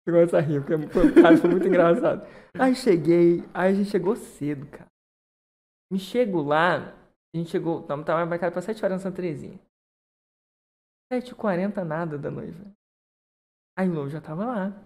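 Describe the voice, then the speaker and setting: A man, a wedding photographer, telling a funny anecdote in casual chat, animated and laughing often. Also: high voice, moderate pace, long pauses.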